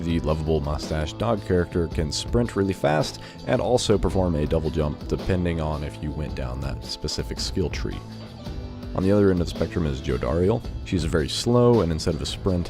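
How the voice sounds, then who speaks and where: A man with an extremely low voice hosts a casual video game first-impressions show. He talks informally, loosely thinking aloud. Faint music plays behind him. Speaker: video game review host.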